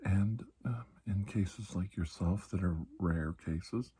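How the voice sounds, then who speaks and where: In an ASMR roleplay, a man plays a calm, reassuring doctor treating a patient's alien skin disease, using an exaggerated, low, mellow voice. He speaks slowly and deliberately, soft and breathy, often sinking toward a whisper to soothe the patient.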